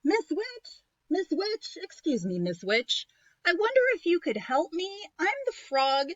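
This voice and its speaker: A woman's voice: high-pitched, very animated, a little slow, fairly bright tone, no room sound, highs cut off, voice pushed up, full character voice. A woman voicing an eager young frog prince who pleads insistently and gets flustered. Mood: pleading.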